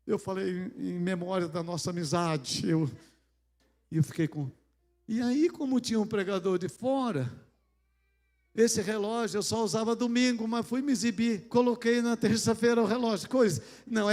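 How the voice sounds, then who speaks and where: A man's voice: high voice, moderate pace, a little mellow. A middle-aged Brazilian man preaching a storytelling sermon, acting out dialogues with God and making joking asides. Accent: Brazilian Portuguese. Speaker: pastor. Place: large church hall. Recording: long hall reverb.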